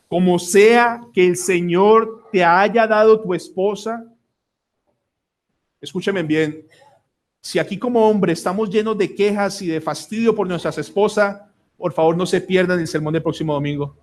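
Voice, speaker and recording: A man's voice: high voice, unhurried. A man with a Colombian accent preaching a sermon to his congregation, earnest and asking them question after question. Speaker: pastor.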